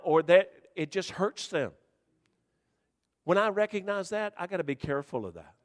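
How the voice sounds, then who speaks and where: Male pastor, high-pitched, folksy and teasing, loud to hushed, church reverb. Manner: folksy, joking preacher who swings from shouting to hushed. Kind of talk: sermon.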